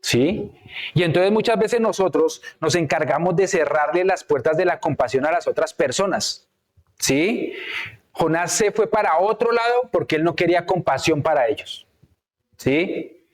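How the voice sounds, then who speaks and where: A man's voice: fairly high pitch, expressive, moderate pace. A man preaching a sermon to a church congregation, often checking in with the listeners and acting out the words of biblical characters. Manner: frequent rhetorical checks with the congregation. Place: church in Canada.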